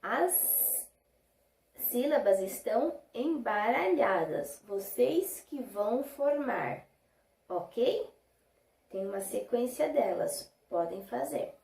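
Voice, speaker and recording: A woman's voice: a little high, expressive, gravelly, darkish tone, echoey room. A woman teaching a lesson to young children in Brazilian Portuguese, patiently stretching out syllables and checking in with short questions. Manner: slow, drawn-out syllables when modelling words. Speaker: primary school teacher.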